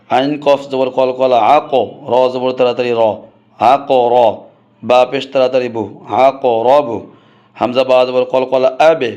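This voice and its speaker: A man's voice: mid-range voice, darkish tone. Man chanting a rhythmic spelling drill. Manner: rhythmic, chanting recitation of letters. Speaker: Quran reading teacher.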